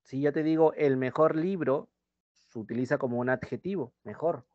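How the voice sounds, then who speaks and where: A man with a Peruvian accent teaching a grammar class online, reading example sentences slowly and loudly, then dropping to quiet asides. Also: medium pitch, no room sound. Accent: Peruvian Spanish. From Peru. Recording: dull dry lo-fi sound.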